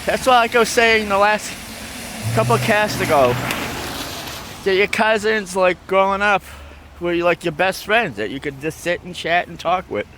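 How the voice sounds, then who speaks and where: A man's voice: high-pitched, moderate pace, bright, forceful tone, a little hiss or hum. A man, walking outdoors on a city street and rambling affectionately as he tells personal stories for his vlog, repeating himself often. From Massachusetts. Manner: rambling, repetitive, affectionate storytelling. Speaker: vlogger.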